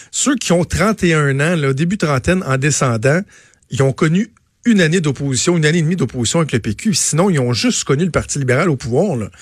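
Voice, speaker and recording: A man's voice: a little high, no room sound. Quebec radio host, dry studio sound, man. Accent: Quebec French. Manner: halting, repeats words while thinking. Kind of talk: casual talk-radio chat and commentary.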